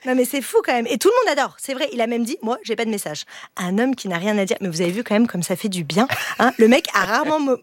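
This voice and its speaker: Woman from Lorraine, comic columnist, high voice, dry close sound, teasing self-mocking delivery. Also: no echo. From Lorraine, France. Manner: mocking, self-deprecating punchlines.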